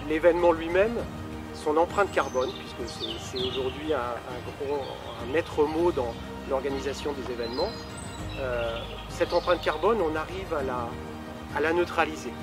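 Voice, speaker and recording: A man in his sixties from Paris, France, gives an informal testimonial as a volunteer event organiser, hesitantly searching for his words. His voice is a little high and his speed normal. Loud music plays over the recording.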